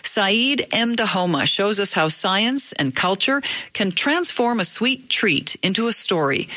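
Woman radio host, low-ish voice but really lively and bright, dry studio sound. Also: dry recording. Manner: polished, expressive storytelling delivery. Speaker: radio talk show host. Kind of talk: interview show, scripted intro then chat.

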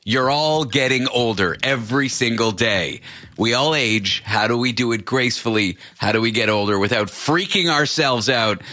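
A man's voice: medium pitch, moderate pace, bright, forceful tone. A man, hosting a radio talk show with playful, self-mocking banter. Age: 30s.

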